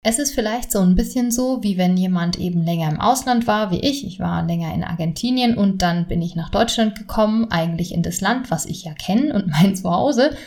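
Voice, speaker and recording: A woman's voice: medium pitch, a little fast, hardly any pauses, a little mellow. A woman, hosting a solo podcast on stress and talking straight to the listener in a friendly way. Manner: friendly, addresses listener directly. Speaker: podcast host and stress coach. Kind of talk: solo podcast talk with exercises.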